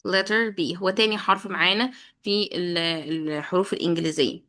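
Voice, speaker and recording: A woman's voice: medium pitch, a little fast, a bit bright. A young adult woman with an Egyptian Arabic accent, teaching children's English basics patiently and repeating each point twice. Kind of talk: explanatory lesson.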